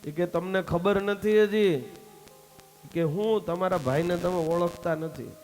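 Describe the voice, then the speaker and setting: A man's voice: high-pitched, a little slow, darkish tone, soft background music. A man giving a religious sermon, telling a folk story and acting out its dialogue. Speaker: swami giving a religious discourse.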